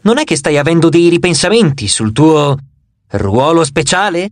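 A man doing a silky she-demon from an audiobook, purring and mocking as she toys with her listener. Her voice lifts a little above a plain man's tone, lively and shifting, recorded dry and close. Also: fairly high pitch, moderate pace, no echo, close to an everyday voice. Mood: teasing. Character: seductive female demon, mocking and sly.

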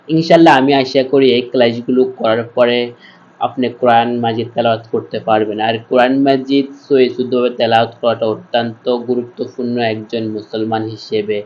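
A man teaching Quran reading, spelling out letters and vowel marks, with slow drawn-out recitation between plain explanations. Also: mid-range voice, a little mellow, highs cut off.

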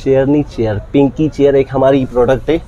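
A man's voice: mid-range voice, steady tone, fairly quick, dark tone, muffled recording. A man playing a shopkeeper in a hidden-camera prank, insistently accusing a customer in a cosmetics shop.

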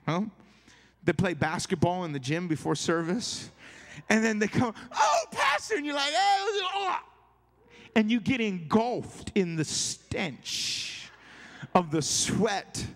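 A man with a high voice preaches as a youth pastor, playful and animated as he acts out funny stories for his congregation. His sermon rings out through a large church hall with a long reverb tail. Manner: animated, jokey preaching with acted-out quotes.

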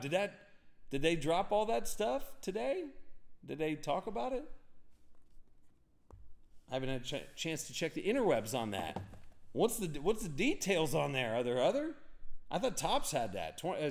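A young man hosting a live card break, chatting and rambling excitedly to viewers as he calls out cards. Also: a little high. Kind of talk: casual live-stream card break commentary.

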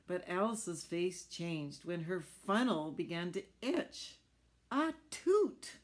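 A middle-aged woman with a lowish voice reads slowly from a picture book to children. She's in a small furnished room at home and keeps adding chatty explanations and little questions for the kids.

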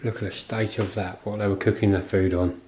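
Man, lowish voice, casual explorer vlog, offhand chatty narration, camera mic, faint background noise. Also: level tone, brisk, mellow. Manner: chatty, offhand, thinking aloud. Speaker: urban explorer vlogger. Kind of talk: casual walkthrough commentary. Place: inside an abandoned pub. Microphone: handheld camera mic while walking.

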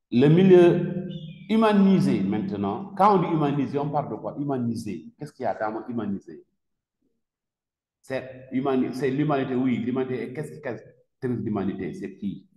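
A man's voice: mid-range voice, animated, normal speed, a little mellow. A man with a Senegalese French accent teaching a class, questioning students and repeating key words with emphasis. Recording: echoey classroom with long reverb.

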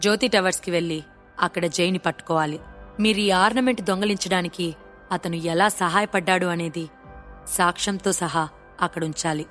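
Woman voicing a calm, confident young man. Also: fairly low pitch, normal speed, soft background music, lightly acted. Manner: calm, quietly assured.

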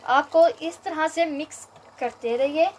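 A young woman hosting a home cooking video, calmly explaining each step with frequent pauses and fillers, recorded on a phone in her kitchen. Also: high voice, slight background noise. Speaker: cooking channel host. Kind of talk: home cooking tutorial narration.

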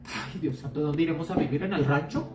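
Speaking a little fast in a low-pitched, dark-toned voice, a Mexican-accented psychic and tarot reader offers frank, no-nonsense advice during a casual live chat. She's indoors in a home room, and the audio sounds echoey, with her positioned far from the microphone.

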